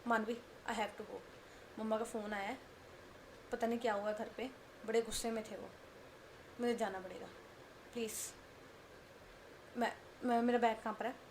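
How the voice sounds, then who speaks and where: A frightened young woman, voiced by a woman narrator, begs and rushes her words in a storybook romance. The voice sits a little high. Faint background noise runs under it. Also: level tone, lightly acted. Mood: panicked. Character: panicky young woman afraid of strict family.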